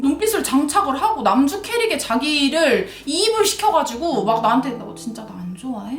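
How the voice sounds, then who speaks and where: A woman vlogger tells a story while doing her makeup, blunt and animated, with casual swearing. Her voice sits a little high and swings widely in pitch. The room adds a noticeable echo. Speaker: beauty vlogger.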